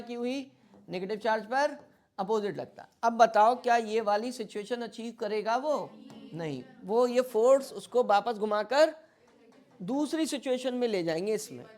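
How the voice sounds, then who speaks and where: Male physics teacher, classroom lecture, fires quick questions at the class, code-switches into English. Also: very high voice. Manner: keeps quizzing students with quick questions; mixes English terms into Hindi explanation.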